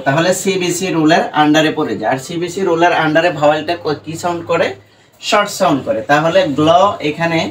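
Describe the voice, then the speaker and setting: Male teacher, explains pronunciation rules, repeats syllables, higher voice, distant mic, faint background noise. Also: fairly bright tone. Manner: slow and repetitive, breaking words into syllables. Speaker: English teacher.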